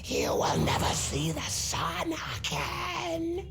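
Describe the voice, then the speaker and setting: A woman's voice: very high-pitched, huge pitch swings, takes it slowly, full character voice. A woman voicing a menacing, scornful undead spirit from a tomb in a video game, in a grating, ominous whisper. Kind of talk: video game villain acting. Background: loud music.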